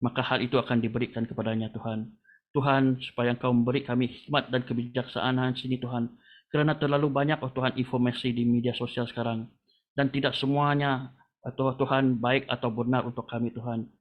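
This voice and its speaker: A man's voice: mid-range voice, little pitch movement, a little fast. A man leading a congregation in a long spoken prayer, calling on the Lord after nearly every phrase. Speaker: prayer leader. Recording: tinny phone-like line.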